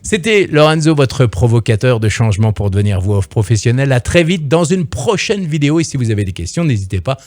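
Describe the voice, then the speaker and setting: Animated, playful male voice-over coach. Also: mid-range voice, fairly quick, hardly any pauses, no room sound. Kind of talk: direct-to-camera advice lesson.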